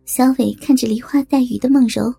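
A woman narrating an audiobook in a steady storytelling manner. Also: a little high, brisk, creaky, breathy edge, dry recording. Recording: dry close mic with faint music beneath.

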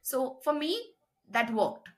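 A woman's voice: sits high, slow pace. A woman with an Indian accent talking casually and emphatically about her opinions in a conversational film discussion.

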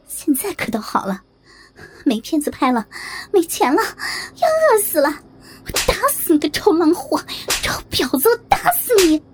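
A woman's voice: huge pitch swings, normal speed, slight background noise. Woman doing a furious, cursing starving young man. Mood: furious ranting. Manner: yelling, cursing, pitch leaping up.

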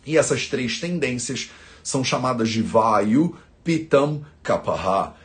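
A man's voice: medium pitch, lively intonation, slow pace. A man, an Ayurveda teacher explaining things with rhetorical questions and constant tag questions.

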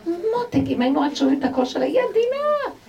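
High-voiced woman preaching from afar. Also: distant mic, lo-fi sound. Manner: expressive, rhetorical questions to the audience. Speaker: Torah teacher. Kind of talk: religious lecture to a group.

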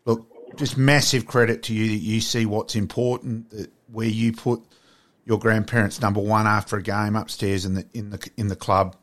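A man's voice: on the low side, little pitch movement, moderate pace. An Australian man interviewing casually about sport, speaking in an effusive, matey way.

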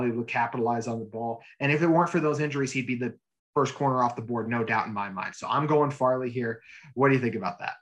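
A man hosting a casual podcast chat, energetic and emphatic as he leads the talk. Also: medium pitch. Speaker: podcast host.

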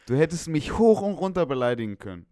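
A young man in casual chat, animated and slangy, swearing and laughing often. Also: fairly high pitch, quick pace, smooth, dry recording, studio quality. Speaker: podcast co-host.

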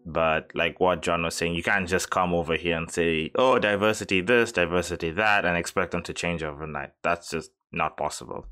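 A man's voice: low-pitched, fairly even intonation, moderate pace, hardly any pauses, pushed and bright. A man from Kenya, chatting casually as a podcast co-host and rambling with many fillers. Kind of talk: casual chat.

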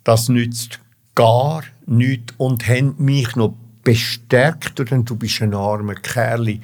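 Here a Swiss German-accented older man, his mid-range voice somewhat dark in tone, recounts his own life story as an interview guest. He talks spontaneously and doubles up words to drive his points home.

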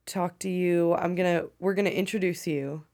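Kentucky woman, podcast host, deep with vocal fry, chatty and loose. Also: fairly even intonation, moderate pace, darkish tone. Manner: chatty, laughs often, rambling. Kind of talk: casual chat.

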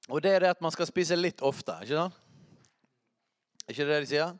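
A man preaching a charismatic sermon, chatty and self-correcting, who shouts out scripture. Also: fairly high pitch.

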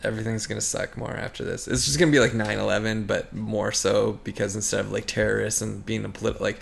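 A man's voice: lowish voice, level tone, quick pace, creaky. A man co-hosting a podcast in casual chat, rambling, swearing freely and trailing off mid-sentence. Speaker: podcast co-host.

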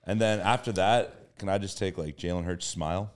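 A man's voice: low-pitched, normal speed. A man bantering casually as a sports podcast panelist, joking in slangy, sometimes profane language.

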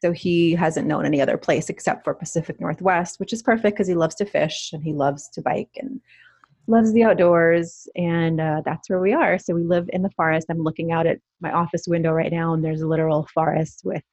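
A woman from Brooklyn with a New York accent, a podcast guest talking in a relaxed, friendly, rambling way. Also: deep voice, a little fast, dry recording. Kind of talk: casual interview chat. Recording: dull, dry remote audio.

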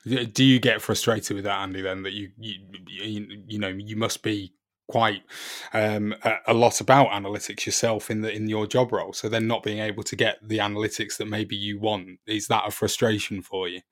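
A podcast host with a lowish male voice asks his guest questions. He builds them in long, winding sentences and often restarts a phrase. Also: level tone, moderate pace, a bit bright. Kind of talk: interview questions.

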